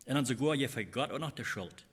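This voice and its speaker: A man preaching a sermon, explaining scripture in a halting way and repeating phrases as he goes. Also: mid-range voice, expressive, a bit bright, slightly rough.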